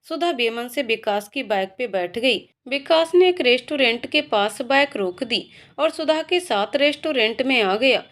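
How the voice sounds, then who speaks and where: High-voiced woman storyteller. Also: animated, unhurried, few pauses, fairly bright tone. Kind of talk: narrating a romantic story.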